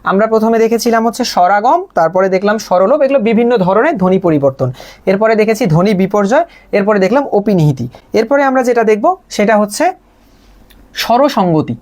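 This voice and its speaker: A young man teaching a live online grammar class, patiently repeating each example and asking quick check questions. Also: high-pitched, expressive, darkish tone. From Bangladesh.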